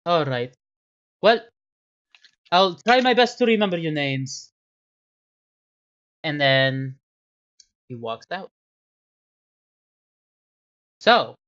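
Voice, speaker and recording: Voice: mid-range voice, lively intonation, slow, long pauses, a bit bright. Game master running a tabletop session; meandering delivery, muffled recording. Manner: rambling, many restarts and fillers. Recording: dull lo-fi sound.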